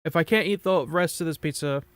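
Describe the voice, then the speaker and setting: A man's voice: on the high side, a little fast, a bit bright, dry recording. A man streaming, chatting casually and rambling as he reacts to videos, swearing a lot.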